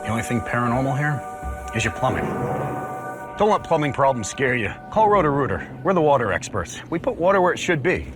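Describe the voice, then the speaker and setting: A man plays a reassuring plumber in a TV commercial spoof. His medium-pitched voice swings in a lively way, under loud music. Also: a little fast, lightly acted. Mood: reassuring, matter-of-fact. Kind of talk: TV commercial acting.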